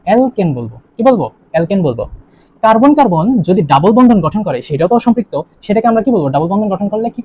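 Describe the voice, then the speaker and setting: Young male tutor, quick and mellow, quizzes students constantly. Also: high voice. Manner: asks the class questions and repeats answers. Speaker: chemistry teacher. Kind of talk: online lesson. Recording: dull lo-fi recording.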